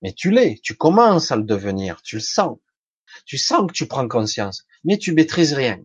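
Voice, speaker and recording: Husky-voiced man giving a lively pep talk. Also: mid-range voice, normal speed, dry recording, highs cut off. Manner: colloquial and blunt, with mild swearing, acts out inner voices. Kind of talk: informal motivational talk addressed to the listener.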